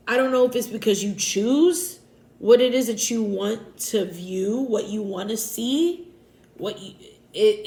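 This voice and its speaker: A woman's voice: mid-range voice, echoey room, low-quality recording. Stuffy-nosed woman giving a casual tarot reading. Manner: relaxed, rambling, self-correcting. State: stuffy nose. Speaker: tarot reader.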